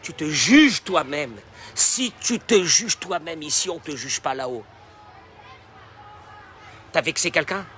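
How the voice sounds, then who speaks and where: A man preaching a sermon as a rabbi, dropping in Hebrew phrases and swinging from quiet talk to shouting. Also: on the high side, animated, takes it slowly, pauses often, slight background noise. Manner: mixes Hebrew phrases into his speech.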